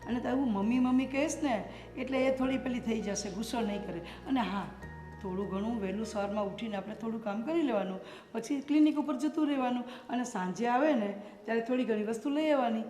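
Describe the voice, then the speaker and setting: A woman playing a middle-aged mother who gently coaxes and advises her daughter in a short family drama. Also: fairly high pitch, a little fast, natural voice. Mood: coaxing. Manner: soothing, coaxing advice. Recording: echoey hall with loud music.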